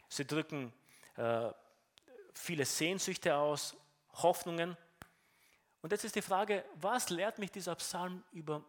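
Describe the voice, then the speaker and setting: Preaching a sermon in an earnest, teaching tone, a man with a Romanian accent and a voice on the high side often repeats words as he restarts.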